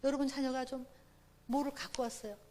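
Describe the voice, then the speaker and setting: A middle-aged woman giving a parenting seminar talk at church. She swings between hushed asides and loud, emphatic exclamations, acts out dialogue and has the audience repeat phrases after her. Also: high voice, fairly even intonation, brisk. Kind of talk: church family seminar talk with personal stories.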